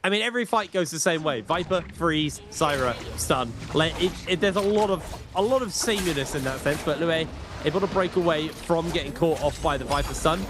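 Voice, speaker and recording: A man's voice: a little high, expressive, brisk, noisy background. A man giving live esports commentary in a conversational, rambling play-by-play style. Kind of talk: live gaming commentary with casual chat.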